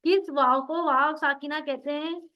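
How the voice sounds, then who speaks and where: A woman with a high, bright-pitched voice leads an online Quran recitation lesson. She poses questions and answers them herself, then drills syllables slowly one by one. The audio is dull and lo-fi, like an online class recording. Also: steady tone.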